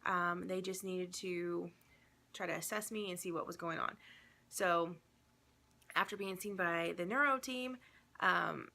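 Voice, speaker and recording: A woman's voice: on the low side, measured pace, gravelly, pauses often, pushed and bright. A young woman vlogging from home, talking casually and rambling a little, with many ums and restarts, somewhat out of breath. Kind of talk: casual chat.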